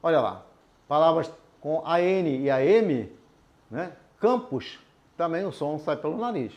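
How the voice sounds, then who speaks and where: A man's voice: a little high, expressive, darkish tone, highs cut off. A man teaching an adult literacy lesson at a board, explaining patiently and checking in with the class. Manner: patient, explains slowly with checks like "tudo bem?".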